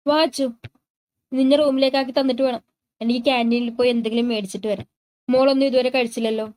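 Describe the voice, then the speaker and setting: A woman's voice: sits high, steady tone, quick pace, darkish tone, close to an everyday voice. A woman voicing a caring, worried middle-aged mother who speaks tenderly. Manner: tender, fussing.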